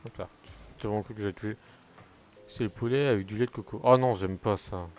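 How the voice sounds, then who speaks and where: A man's voice: fairly low pitch, fairly quick, darkish tone. A young man chatting casually while streaming a car football game, rambling from topic to topic and swearing when plays go wrong. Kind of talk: casual gaming commentary.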